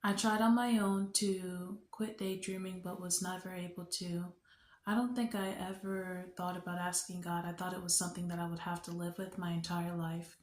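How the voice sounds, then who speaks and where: A young woman sharing a personal faith testimony on her vlog, speaking in an earnest, unhurried, reflective way. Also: on the low side, level tone. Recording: echoey room.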